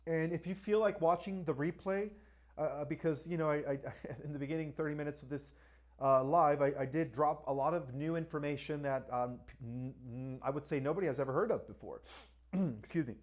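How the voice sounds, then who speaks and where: A man with a Spanish accent hosts a live-stream Q&A, answering viewers' questions. His voice sits a little on the high side, and he talks emphatically, tagging lines with "all right" and "right?". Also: fairly quick. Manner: asks viewers to like and share. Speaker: livestream host.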